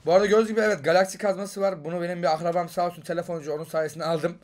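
A young man with a Turkish accent talks his viewers through a match as he plays. His voice sits a little high for a man, and he swings between sudden loud outbursts and quiet muttering to himself. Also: steady tone, very fast. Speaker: gaming YouTuber. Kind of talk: excited gameplay commentary.

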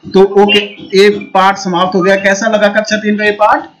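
A man's voice: sits high, flat delivery, normal speed, fairly bright tone. A man teaching a Sanskrit lesson to young children, coaxing them to answer, repeating prompts and imitating animal sounds.

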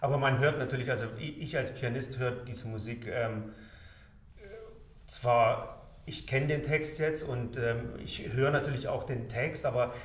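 A man's voice: mid-range voice, fairly even intonation, measured pace. A man hosting a conversation with musicians, asking questions casually with many fillers. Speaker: pianist host. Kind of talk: casual interview talk. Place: living room with a piano and plants. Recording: echoey room, faint hiss.

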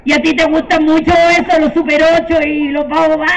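A man voicing a scatterbrained, excitable female witch cook with a Chilean accent and fussy, shrill exclamations. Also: normal speed, creaky. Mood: coaxing. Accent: Chilean Spanish. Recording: dull lo-fi live recording.

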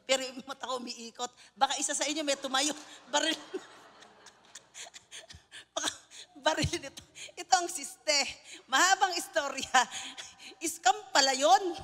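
A Filipino woman preacher giving an animated sermon, telling stories with frequent laughter. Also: sits high, long reverb tail. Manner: animated storytelling, mixing in laughter and English phrases.

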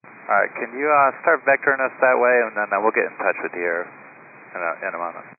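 A man speaking as an airline pilot over a cockpit headset radio, calm and clipped, with hesitant fillers. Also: mid-range voice, fast. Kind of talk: air traffic radio exchange. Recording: tinny radio transmission with faint hiss.

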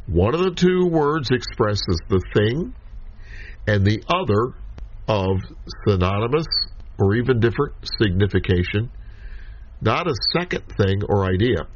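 A man gives a Bible study lecture in a slow, measured way, leaving pauses between short phrases. His voice sits fairly low, and the recording sounds dull and lo-fi. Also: husky. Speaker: Bible teacher.

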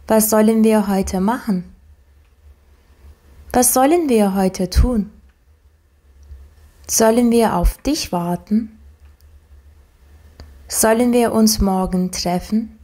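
Slow, mellow woman reading practice sentences. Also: mid-range voice. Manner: slow, evenly paced, measured sentence-by-sentence delivery. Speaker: language example reader.

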